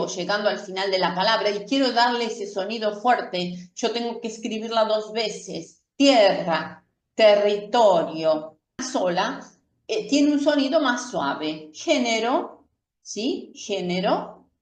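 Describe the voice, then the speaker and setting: A woman teaching a language lesson, pronouncing example words slowly and patiently, often checking in with her students. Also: medium pitch, fairly bright tone. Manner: models words slowly and repeats them. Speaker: Spanish teacher. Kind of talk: slow, careful classroom explanation. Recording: echoey room from a distant mic.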